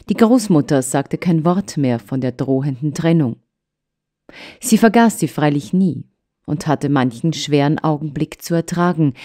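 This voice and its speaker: A woman narrating a story for an audiobook in a calm, measured way. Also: low-pitched. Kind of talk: scripted narration.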